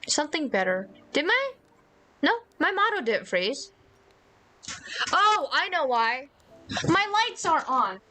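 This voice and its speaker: A woman's voice: very high voice, big pitch swings, slow, long pauses, pushed and bright, low-quality recording. Woman streamer reading a visual novel aloud. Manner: reads narration, breaks off into chatty asides to chat. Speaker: vtuber streamer.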